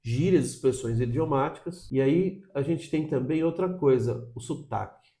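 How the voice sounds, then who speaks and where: A Brazilian man with a Brazilian Portuguese accent teaches in an explanatory, chatty way, often checking in with the listener. His voice is warm and mellow at a middle pitch. The room gives it a noticeable echo. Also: moderate pace. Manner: explanatory, frequent "tá?" check-ins. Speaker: English teacher. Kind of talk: video lesson.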